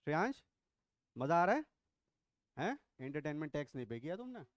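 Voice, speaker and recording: Middle-aged male biology teacher, high smooth voice, playful and quizzing. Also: sing-song, brisk, no room sound. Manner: teasing, quizzing students, mixes English into Hindi. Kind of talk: classroom lecture. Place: classroom.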